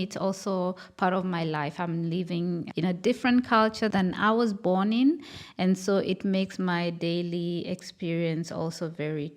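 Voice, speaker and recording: A woman from Kenya, a lecturer in her thirties, talking thoughtfully in an interview, with frequent fillers and restarts. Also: lowish voice. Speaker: guest, cultural studies lecturer. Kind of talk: conversational interview.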